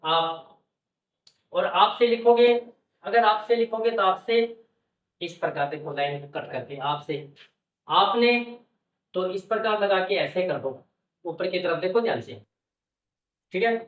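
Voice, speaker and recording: A man's voice: high voice, measured pace, long pauses. A man teaching stenography shorthand, explaining step by step and patiently repeating his checks with the learner. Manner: patient, repeats "okay" and "look carefully" often. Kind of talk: classroom-style explanation. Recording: echoey, distant, dull sound.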